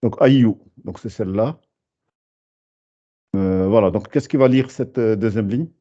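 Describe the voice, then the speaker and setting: Male tutor on a video call, lowish mellow voice, hesitant with fillers, patient, slow over-articulated syllables, muffled lo-fi audio. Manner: hesitant, many fillers and restarts. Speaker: Arabic teacher. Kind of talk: online beginner lesson.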